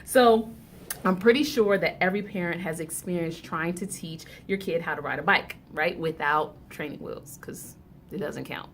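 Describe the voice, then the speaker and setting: A woman's voice: fairly low pitch, normal speed, slight background noise. A mother hosting her own video blog from home, talking casually to camera in a slangy, chatty way and laughing often. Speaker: vlog host. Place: indoors at home.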